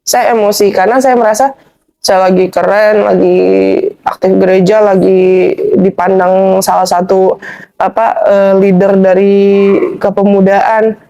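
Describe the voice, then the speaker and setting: A woman guest telling her conversion story in a casual, animated way, slipping into slangy informal speech as she replays old arguments. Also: medium pitch, a little slow, pauses often. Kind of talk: casual spoken testimony.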